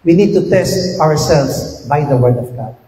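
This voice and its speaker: A man, a pastor giving a chatty, storytelling sermon that swings up to loud shouted exhortation. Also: a little high, measured pace. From Philippines. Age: 50s. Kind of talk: conversational sermon. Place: church sanctuary. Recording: echoey church hall, long reverb.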